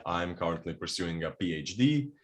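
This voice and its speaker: A young man from Croatia, a doctoral student, introducing a tech talk at a meetup in a relaxed, lightly joking way with frequent fillers. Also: sits low, normal speed. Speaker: developer relations engineer, speaker. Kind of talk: technical meetup presentation. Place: meetup venue.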